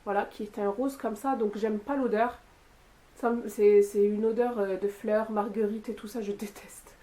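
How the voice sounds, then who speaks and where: A woman vlogger chatting casually to camera about makeup she bought, with lots of fillers and pauses. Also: mid-range voice, fairly even intonation, warm tone. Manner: chatty, with frequent fillers and "voilà". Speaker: beauty youtuber. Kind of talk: casual product haul talk to camera.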